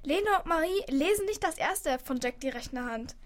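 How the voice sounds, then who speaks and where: A woman's voice: sits high, lively intonation, moderate pace. A woman narrating a children's radio play, chatting to the listeners in a confiding way.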